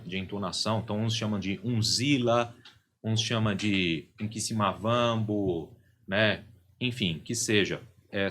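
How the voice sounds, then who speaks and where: A man's voice: on the low side, fairly bright tone, a little hiss or hum. A middle-aged man, a podcast guest and religious leader, explaining at length in a casual studio chat and constantly checking in with "right?" and "you know?". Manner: explanatory, constantly tags phrases with "né?" and "entende?".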